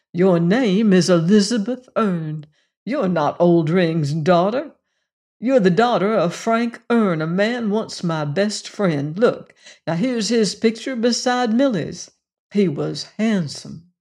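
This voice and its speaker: A woman gives a storybook's cowboy gunslinger a gentle, protective character through a rich, fairly low voice with a folksy Western drawl. The mood is gentle and assured.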